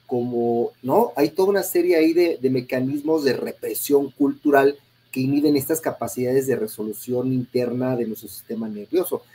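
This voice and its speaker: A man hosting a conversational interview, speaking in a measured, reflective way with frequent filler pauses. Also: mid-range voice, mellow, rough recording. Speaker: host.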